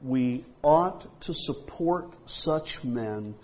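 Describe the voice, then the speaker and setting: A man preaching a sermon, hesitant with frequent fillers and restarts, dropping to a soft hush for quoted words. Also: mid-range voice, lively intonation, drawn-out words.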